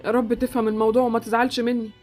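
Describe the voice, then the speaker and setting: A woman's voice: on the high side, flat delivery, rapid-fire, a little mellow, faint music behind, lightly acted. A woman with an Egyptian accent voicing Sultan, a blunt, awkward boy in a Roblox roleplay series. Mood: brusque.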